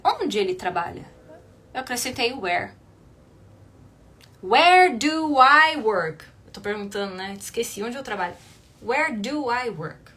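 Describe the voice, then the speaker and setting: A woman with a Brazilian accent teaches an English lesson. Her voice is slightly high and a little husky. She explains patiently, often pausing to check that her students follow. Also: a bit bright. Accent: Brazilian Portuguese. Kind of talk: online language lesson.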